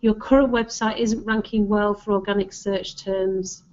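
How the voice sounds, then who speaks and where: A woman's voice: mid-range voice, fairly even intonation, moderate pace, darkish tone. A woman with a Lancashire accent giving an informal marketing presentation, advising in an encouraging, conversational way. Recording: dull, lo-fi audio.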